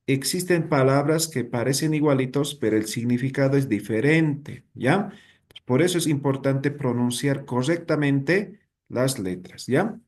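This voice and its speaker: A man's voice: mid-range voice, a little mellow. A man teaching a language class, patient, often checking in with his students.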